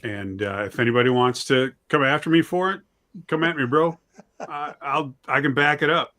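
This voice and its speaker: Speaking at a moderate pace in a medium-pitched voice that sounds pushed and bright, a man appears as an interview guest. He writes and directs audio drama and comes across as casual, plain-spoken, self-deprecating, and firm about his views.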